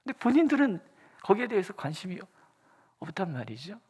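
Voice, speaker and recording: A pastor giving a dawn prayer sermon in a conversational way, acting out inner questions and often dropping to a soft, near-whispered voice. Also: mid-range voice, big pitch swings, brisk, breathy edge. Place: church.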